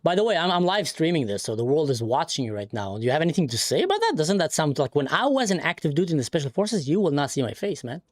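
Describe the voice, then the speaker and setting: A man who grew up in the Middle East hosts a live stream and argues insistently with a caller in a heated debate, talking over him. His slightly high voice swings widely in pitch and runs fast with few pauses. The sound is studio quality with no echo.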